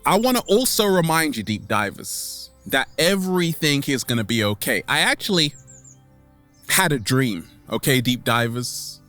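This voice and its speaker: With a sing-song, sharp tone at medium pitch and normal speed, a man films a theatrical motivational vlog outdoors in nature. He is upbeat and exuberant, elongating words and repeating catchphrases playfully to the camera as faint music plays.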